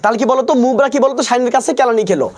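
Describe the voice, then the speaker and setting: A man's voice: very high-pitched, rapid-fire. A young man teaching English grammar in a live online class, reading out chat comments and repeating himself as he coaxes students and keeps checking they understand. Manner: repetitive, coaxing, constantly checks understanding. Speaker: English tutor.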